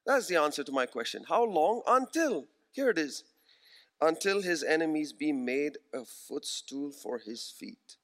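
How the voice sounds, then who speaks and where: A man in his forties delivers a sermon earnestly and emphatically, slowing down to repeat key phrases. His voice is a little higher than most men's, with big pitch swings and a fairly bright tone.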